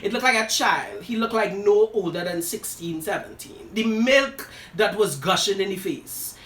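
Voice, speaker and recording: Heard from afar with roomy echo, a woman hosting a live show recounts a personal story dramatically, peppering it with sassy asides and addressing listeners as "girl" and "darling." Her mid-range voice has lively intonation, a moderate pace, and a fairly bright tone.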